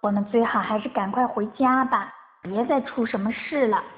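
A woman voicing a small, gentle storybook mole, squeaky and fretful, on a tinny phone-like recording. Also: normal speed, natural voice.

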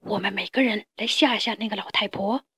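A woman voicing a cunning male lion in a storybook, slow and deliberate. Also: high voice, lively intonation, bright, forceful tone, full character voice. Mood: whispering. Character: cunning male lion, self-assured leader.

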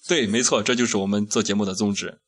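Man, low voice, casual radio host, irreverent and slangy, faint music behind. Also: steady tone, normal speed. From Shaanxi, China. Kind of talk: casual chat. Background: background music.

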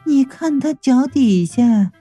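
A reader voicing a sly, calm young woman who talks softly and knowingly in an audiobook story. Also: sits high, slow pace, soft background music, voice pushed up, heavily acted. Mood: soothing. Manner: soft, hushed and knowing. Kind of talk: audiobook character voice.

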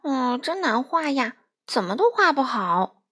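A cross little storybook frog who shouts and sulks over his failures, played by a woman. The voice sits high and swoops widely, with a husky, breathy edge. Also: animated, moderate pace, exaggerated voice. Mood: angry, frustrated. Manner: shouty, sulky complaining. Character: frustrated young male frog, quick-tempered.

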